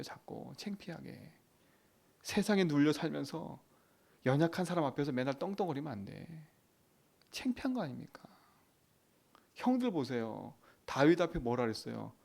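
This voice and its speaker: A man preaching a dawn prayer sermon as pastor, asking the congregation questions, swinging from loud emphatic lines to quiet asides. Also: a little high, gravelly.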